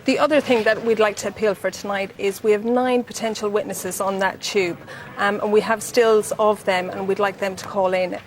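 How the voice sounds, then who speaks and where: A woman investigator appealing for witnesses on television, explaining the case details step by step in a measured way. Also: mid-range voice, steady tone, slight background noise, rough recording.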